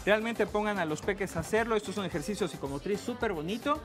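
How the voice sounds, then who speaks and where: A man's voice: high voice, fast, music in the background. A man, a chocolatier, giving a patient, instructive cooking demonstration on a TV show. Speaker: chocolatier guest. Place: TV studio kitchen.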